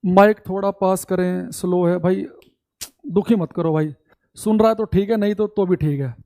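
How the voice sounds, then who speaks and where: A male teacher giving a live online class, repeating key points slowly for students to write down and calling them brother. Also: high-pitched, fairly even intonation, dark tone. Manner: scolding and exasperated about audio complaints.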